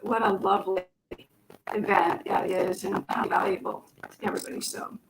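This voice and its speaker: A gracious woman guest speaks over a video call. Her voice is gravelly with fry, and clear hiss sits under the line. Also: medium pitch, little pitch movement, moderate pace. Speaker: guest, director. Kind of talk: casual interview.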